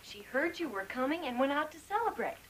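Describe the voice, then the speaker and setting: A bright, teasing young patient. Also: female voice, high-pitched, a little fast, a little hiss or hum, low-quality recording. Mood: mocking. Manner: mocking, jokey, lively. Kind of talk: 1970s TV movie acting.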